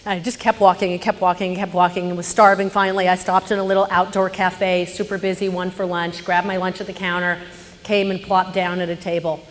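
A woman telling a personal story on stage, animated, swinging from hushed narration to loud indignation. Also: fairly low pitch, fairly quick, big-room sound.

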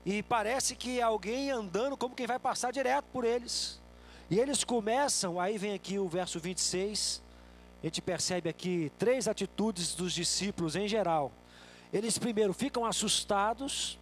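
A male pastor with a high voice preaches a sermon in a church sanctuary. He is animated, acting out quoted lines loudly before dropping back to a hushed tone. Faint music sits behind him. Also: normal speed. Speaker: guest pastor.

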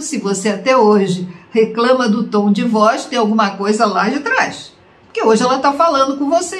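Brazilian woman teaching in a roomy echo. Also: mid-range voice. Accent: Brazilian Portuguese. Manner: conversational, addresses listener directly with rhetorical questions. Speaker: online course teacher. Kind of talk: spoken lecture to camera.

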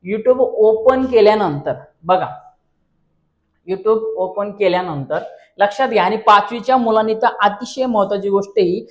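A male teacher walking students through an exam paper, constantly asking rhetorical questions and calling viewers his friends. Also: sits high. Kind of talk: exam paper walkthrough lesson.

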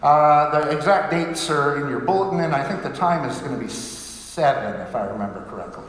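High-voiced priest from Pittsburgh in echoey church. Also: male voice, brisk, fairly bright tone. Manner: chatty and self-deprecating in announcements, with many fillers. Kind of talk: church liturgy and announcements. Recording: echoey church with long reverb.

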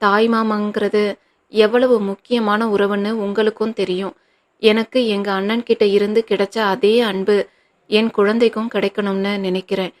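A tearful young wife, pleading and earnest, her words held on a narrow, even pitch, as a woman reads her aloud. The storybook voice stays controlled and level. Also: moderate pace, close to an everyday voice.

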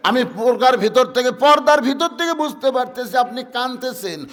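A man preaching, quoting a bold, quick-witted young woman in his own high voice. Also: a bit bright, roomy sound, long reverb tail. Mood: earnest.

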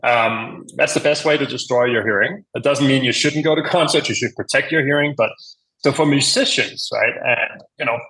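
This man speaks at medium pitch and a moderate pace, with a bright, forceful tone, over a rough recording. He's a Danish-speaking podcast guest from Denmark who runs a hearing aid company, explaining conversationally in an emphatic, informal style and often asking "right?"

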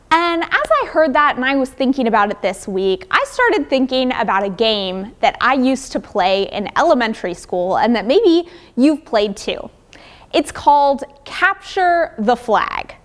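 High, unhurried woman pastor for children. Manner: gentle, storytelling, speaking to children; moving around, gesturing with props. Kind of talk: children's sermon. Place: large church sanctuary, indoors. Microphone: far camera.

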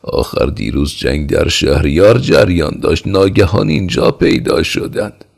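A man's voice: low-pitched, expressive, gravelly, a little mellow, slightly rough, pitched above the performer's own voice, heavily acted. A man voicing a panicked, irritable king in an audiobook, anxiously barking questions and orders. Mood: alarmed. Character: panicked, irritable middle-aged Qajar king. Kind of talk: audiobook character voice.

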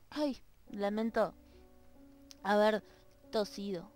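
Very slowly and a little mellow, a woman with a mid-range voice reads game dialogue aloud in funny voices, playfully addressing the characters. It's let's-play commentary recorded at home, with dogs nearby and soft music in the background.

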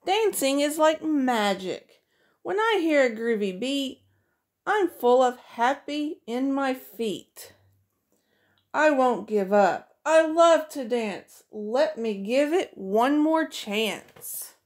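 Her voice sits high, expressive and unhurried, as this middle-aged preschool teacher reads a picture book to children in a sing-song manner. Every character gets a voice of its own, and the close-up recording was made in a small room.

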